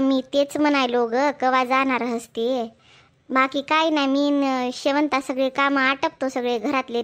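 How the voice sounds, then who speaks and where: A woman's voice: high voice, a bit bright. A woman playing a coaxing, sly village mother-in-law in a family comedy skit, speaking with a Marathwada Marathi accent and rambling along in a sweet-talking way.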